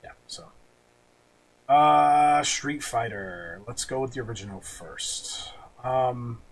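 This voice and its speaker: Slow and mid-range, this man hosts a podcast where he casually ranks films, sharing opinions with the odd curse thrown in. The low-quality recording has noticeable noise behind him.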